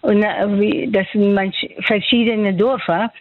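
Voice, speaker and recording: A woman's voice: mid-range voice, fairly even intonation, takes it slowly, no room sound. An older woman from Afghanistan with an Afghan accent, a doctor talking in a hesitant way with many fillers as she searches for words. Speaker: doctor interviewed on radio. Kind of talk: phone interview. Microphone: phone. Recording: dry tinny phone line.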